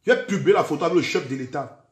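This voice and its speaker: Cameroonian man, Camfranglais-laced French, high voice, menacing social-media rant in a roomy echo. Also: fast. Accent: Cameroonian French, mixing in Camfranglais. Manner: threatening, heated, keeps repeating "man" and "vrai".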